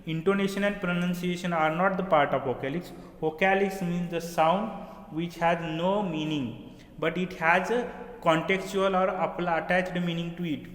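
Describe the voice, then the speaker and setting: A man's voice: high-pitched, a little slow, fairly bright tone. A man giving a classroom lecture, explaining terms step by step and often checking that listeners follow. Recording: echoey room with long reverb.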